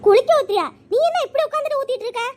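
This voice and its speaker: A performer voicing a bossy older woman in a cartoon, nagging and scolding in quick sharp retorts. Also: extremely high pitch, lively intonation, a little hiss or hum, voice pushed up. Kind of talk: cartoon voice acting.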